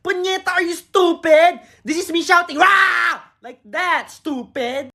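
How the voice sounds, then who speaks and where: A woman with a Filipino accent voicing an exasperated mom who yells and swears bluntly. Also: very high voice, unhurried.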